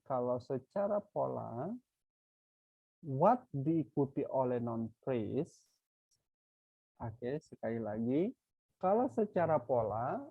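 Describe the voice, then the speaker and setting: A man teaching English grammar in a slow, deliberate lecture, often checking in with "ya" and "oke" and posing questions that he then answers himself. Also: mid-range voice, no echo, narrow, tinny audio. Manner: poses questions to the viewer, then answers them.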